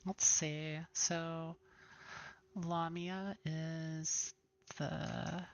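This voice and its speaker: A woman's voice: low-pitched, flat delivery, drawn-out words, slight background noise. Wry woman streamer muttering over gameplay. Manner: muttering, wry, self-deprecating. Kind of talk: casual let's-play commentary.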